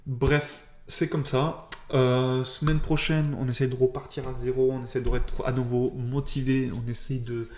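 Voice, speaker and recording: Lisping man with an even, roomy voice. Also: medium pitch. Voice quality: slight lisp. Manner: halting, self-critical, thinking aloud. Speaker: trader keeping a video diary. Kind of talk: informal spoken debrief.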